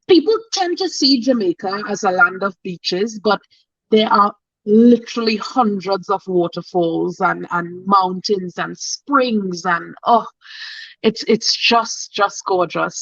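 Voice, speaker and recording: A woman's voice: mid-range voice, fairly bright tone, no room sound, muffled recording. A woman in her forties, a guest telling her travel story in a chatty, enthusiastic way. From Trinidad. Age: 40s. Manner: enthusiastic, chatty, bursts of quick speech. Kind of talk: casual interview chat.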